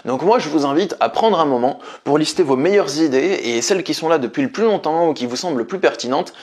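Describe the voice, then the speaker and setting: A man's voice: fairly high pitch, animated, fast talker, darkish tone, husky. A man speaking as a life coach, giving earnest, explanatory motivational advice straight to his viewers.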